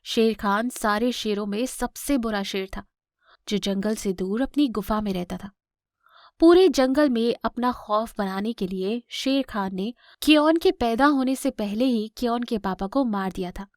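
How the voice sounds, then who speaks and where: A woman narrating a scripted children's cartoon story in a clear, expressive storytelling voice. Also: on the high side, a little slow, no echo, studio quality.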